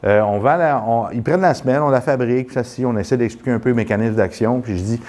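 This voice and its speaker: A man with a Quebec French accent, telling a rambling, animated story full of restarts and then guiding a postural check. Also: medium pitch, quick pace. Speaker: postural therapist. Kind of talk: casual storytelling and live demonstration.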